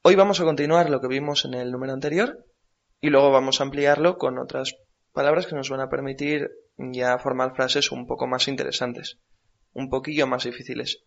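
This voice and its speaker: A man's voice: medium pitch, steady tone, brisk, vocal fry. A man teaching a language lesson on the radio, patiently repeating words for his student to practice. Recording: dull lo-fi recording.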